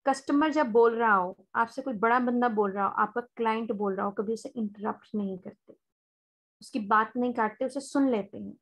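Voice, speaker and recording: Woman, Pakistani accent, online English teacher, slightly high pitch, step-by-step explaining. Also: a bit bright. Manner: explains step by step, switches to slow polite English for sample phone lines. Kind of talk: online class lecture.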